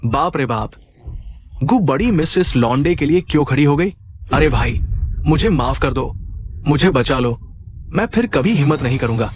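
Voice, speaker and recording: A man's voice: on the high side, expressive, normal speed, long pauses, slight background noise, lightly acted. A man voicing a blustering bully who threatens and then begs in a dubbed drama. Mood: pleading. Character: cowardly male bully, blustering then groveling. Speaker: dub voice actor. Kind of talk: Hindi drama dubbing.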